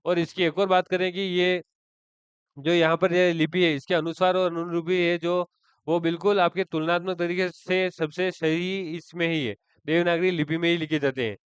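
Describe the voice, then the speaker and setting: Male teacher for exam prep, fairly high voice, smooth, dry close recording; repeats terms, quizzes himself. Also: little pitch movement, moderate pace, no room sound, lo-fi sound. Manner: repeats key terms, asks and answers his own questions. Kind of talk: online lecture.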